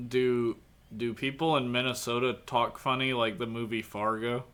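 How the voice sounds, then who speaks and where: A young man from Kentucky hosting a podcast interview, unhurried and laughing often, with casual swearing. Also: mid-range voice, flat delivery, a bit bright, clear, resonant tone. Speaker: podcast host.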